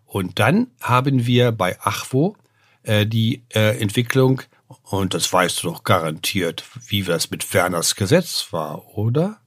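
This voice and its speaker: A man's voice: lowish voice, unhurried, husky, no echo, studio quality. An older man, a name researcher and professor, explaining word origins in a podcast, with many "ne?" tags and filler sounds. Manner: lecturing, often adds "ne?" and "äh", lively rises.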